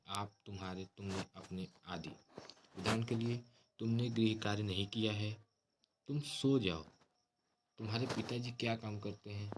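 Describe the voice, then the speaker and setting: A man, teaching a grammar lesson in a steady, explanatory way. He calls the listeners friends as he works through definitions and examples. A faint hiss runs under the recording. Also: lowish voice.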